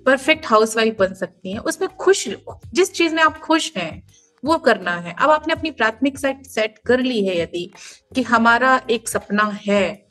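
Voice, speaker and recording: A woman's voice: on the high side, expressive, unhurried, pushed and bright, soft background music. A woman in her thirties, a mother and podcast guest, giving earnest, emphatic advice and explaining it through everyday comparisons. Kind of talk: podcast interview answers.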